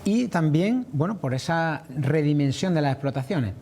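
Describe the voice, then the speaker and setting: Man, slightly high pitch, earnest explanatory interview answers. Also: expressive, moderate pace, warm tone. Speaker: farmers' representative, interview guest.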